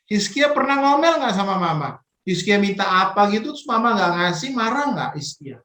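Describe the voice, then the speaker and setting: A man's voice: sits high, very animated, moderate pace, sharp tone, roomy sound. A man leading a children's Sunday school session over a video call, coaxing the kids with playful questions. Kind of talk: children's online worship Q&A.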